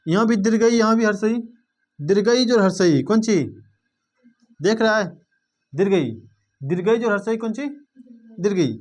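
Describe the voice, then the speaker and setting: A young man giving an informal blackboard grammar lesson, constantly checking in with his students. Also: high voice. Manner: informal, addresses students directly with quick check-ins. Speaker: teacher.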